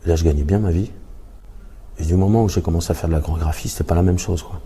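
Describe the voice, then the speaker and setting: A man's voice: low-pitched, fast talker, warm tone, big-room sound. A man reflecting casually on his past in a documentary interview.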